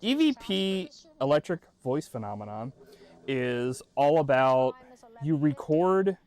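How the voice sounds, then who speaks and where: A man's voice: a little high, sing-song, slow, darkish tone. A man hosting a casual, jokey reaction commentary on an old show, swearing now and then and acting out mock quotes. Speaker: host reviewing an old TV show.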